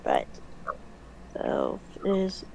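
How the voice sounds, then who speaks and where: A woman's voice: medium pitch, wildly swooping pitch, extremely slow, gravelly, warm tone, a little hiss or hum, low-quality recording. A woman playing a tabletop game, announcing her moves in casual, hesitant talk. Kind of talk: casual chat.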